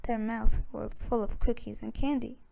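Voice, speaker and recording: A woman's voice: a little high, steady tone, normal speed, gravelly, mellow, no room sound. A woman narrating a storybook expressively, sometimes half-whispered.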